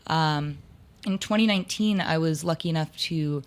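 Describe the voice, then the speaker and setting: Young woman, low voice, chatty interview guest, theater actor and designer, lots of filler words, from upstate New York. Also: moderate pace. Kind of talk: casual interview storytelling.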